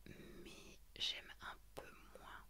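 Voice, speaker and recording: Whispering softly and breathily in library-style ASMR, a young adult woman talks through books. Her speech comes with hesitant pauses here and there.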